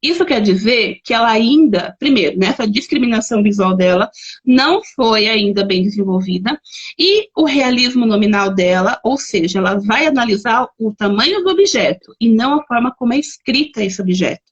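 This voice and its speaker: A woman's voice: on the high side, animated, normal speed, slightly rough, muffled recording. A woman with a Brazilian Portuguese accent hosting a live-streamed lesson, chatting and reading out viewer comments as she gives examples. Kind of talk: live-streamed teaching talk.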